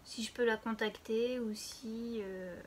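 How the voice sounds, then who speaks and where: A chatty woman co-hosting a relaxed podcast, her voice sitting a little high. Her sentences often drift softly toward a near-whisper. A faint hiss of background noise sits under her voice. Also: takes it slowly. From France. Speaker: podcast co-host. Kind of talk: casual chat about knitting.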